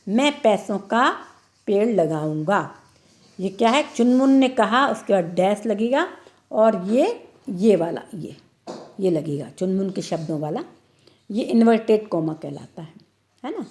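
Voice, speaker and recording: A woman's voice: medium pitch, a little mellow. Woman teacher doing an online class, goes step by step and repeats answers.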